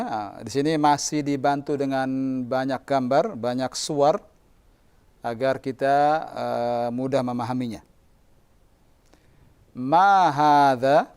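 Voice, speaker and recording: A man with an Indonesian accent teaching Arabic in a live lesson, drawing out model phrases slowly for students to repeat. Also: medium pitch, darkish tone, clean tone. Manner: slow, drawn-out model pronunciation of Arabic phrases.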